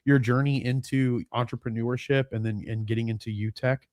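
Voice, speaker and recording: A man's voice: medium pitch, fairly even intonation, a little fast, a little mellow, dry recording, studio quality. A man hosting a podcast in a casual interview chat, rambling a little, laughing often and trailing off mid-thought. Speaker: podcast host.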